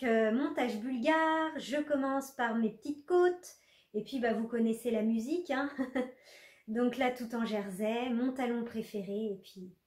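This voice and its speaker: Woman, knitting vlogger, casual chatty talk, fairly high voice, roomy echo. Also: a little mellow. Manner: chatty, many fillers and restarts, addresses viewers. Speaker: knitting podcaster. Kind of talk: casual knitting vlog chat.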